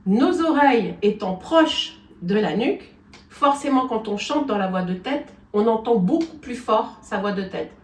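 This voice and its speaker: A woman's voice: a little high, animated, measured pace. A woman vocal coach gives a singing lesson, explaining things step by step and often checking in with her students. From France. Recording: echoey room, from a distance.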